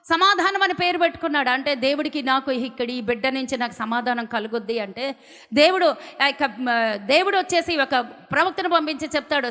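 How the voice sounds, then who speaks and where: A woman preacher from India giving a fervent sermon, swinging from loud declarations to hushed, pleading lines. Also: high-pitched. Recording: long hall reverb.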